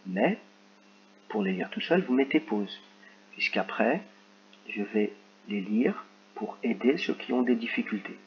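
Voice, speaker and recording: A man speaks slowly and deliberately as he guides young children through a phonics lesson. He dictates each word with careful, drawn-out articulation, at a medium pitch. The recording is dull and lo-fi, with a faint hum underneath. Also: big pitch swings. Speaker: teacher.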